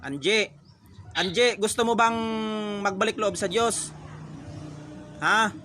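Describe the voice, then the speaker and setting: A man's voice: high voice, fairly even intonation, slow pace, a little hiss or hum. A man, a folk healer, confronting a spirit in a ritual, pressing it with short, repeated demanding questions. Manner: forceful, repetitive questioning.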